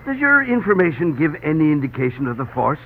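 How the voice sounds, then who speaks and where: An actor playing an eager, commanding eighteenth-century naval commodore in a 1940s radio drama. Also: male voice, a little high, sing-song, quick pace, a little hiss or hum. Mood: eager, scheming. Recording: tinny old radio broadcast.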